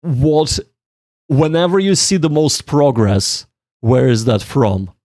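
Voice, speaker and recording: This studio-quality clip has no room sound and features a slow, slightly mellow mid-range male voice with lively intonation. The speaker, a streamer learning Japanese, rambles casually on his study livestream, reflecting on himself as he thinks out loud. He chats loosely while studying and reading a game.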